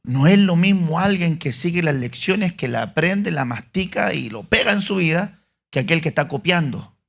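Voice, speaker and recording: A man, a pastor with a Chilean accent, preaching an animated sermon in a church and acting out the scenes he describes. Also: on the high side, normal speed, gravelly. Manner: animated, acts out scenes with voices. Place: church, live congregation.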